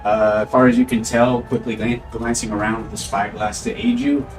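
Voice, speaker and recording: Male game master, lowish voice, descriptive fantasy narration, slightly distant mic, clear music bed. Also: level tone, fairly quick. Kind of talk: narrating a tabletop role-playing game.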